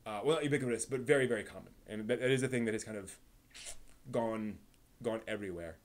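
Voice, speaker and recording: The host of a casual live stream, a man with a lowish voice, rambles as he analyzes and explains things. He often pauses mid-thought and repeats words.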